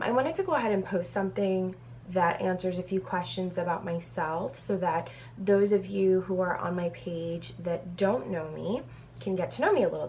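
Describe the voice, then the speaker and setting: With a mid-range, somewhat dark voice, a Brazilian beauty vlogger in her thirties answers get-to-know-me questions she reads off a paper. Her chatty delivery has plenty of "um"s, and there's slight background noise.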